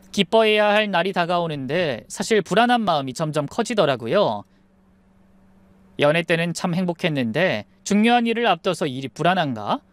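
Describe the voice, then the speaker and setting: A young woman softly narrating her own wedding story in a reflective tone. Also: lowish voice, no echo. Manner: soft, reflective. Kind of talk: first-person story narration.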